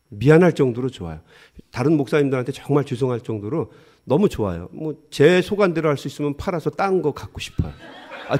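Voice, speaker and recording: Lively, animated man preaching. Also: medium pitch. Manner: lively storytelling, acts out dialogue, laughs often. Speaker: pastor. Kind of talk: sermon with humorous anecdotes.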